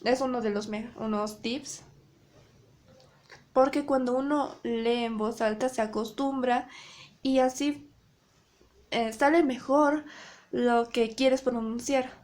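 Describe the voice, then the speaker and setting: Slow, hesitant young woman presenting. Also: fairly high pitch, steady tone, a little mellow. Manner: hesitant, self-correcting, searching for words. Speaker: student presenter. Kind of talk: class presentation on public speaking.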